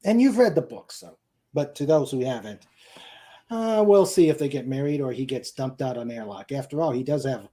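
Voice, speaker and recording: With an expressive, warm mid-range voice at normal speed, a man hosts a casual live chat at home in a room with a couch. He rambles and hesitates while reading out viewer comments, often repeating phrases.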